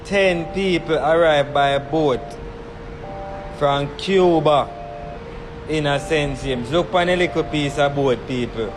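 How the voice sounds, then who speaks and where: A Jamaican man speaks an urgent, preachy commentary in a slightly high voice. Loud music plays under his voice. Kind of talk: ranting social commentary.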